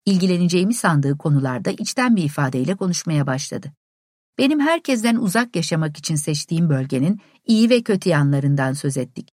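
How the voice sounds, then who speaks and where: A woman narrating an abridged classic novel as a calm, steady audiobook reader. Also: fairly low pitch, no echo, studio quality.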